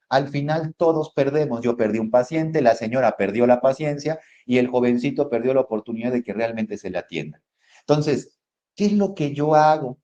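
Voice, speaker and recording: A man's voice: medium pitch, dark tone, dull audio. A man with a Mexican accent, a psychologist giving a conversational motivational talk full of rhetorical questions. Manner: conversational, asks rhetorical questions, addresses audience as friends. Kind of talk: motivational lecture.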